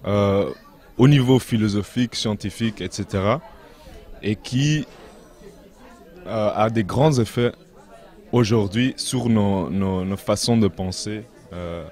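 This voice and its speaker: Slow, low-voiced young man. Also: a little mellow. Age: young adult. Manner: measured, pauses to find his words. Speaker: interview guest, activist. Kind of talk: earnest spoken interview answers. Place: large indoor exhibition hall. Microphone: handheld mic.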